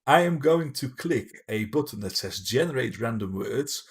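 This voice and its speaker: A man with a Dutch accent co-hosting a casual livestream, jokey and teasing, with quick asides. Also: medium pitch, lively intonation, creaky. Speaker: library livestream co-host. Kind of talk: casual chat.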